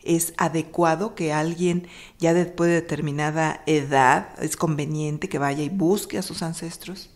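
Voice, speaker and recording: A woman hosting a podcast interview, asking lively questions. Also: sits low, measured pace. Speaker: podcast host.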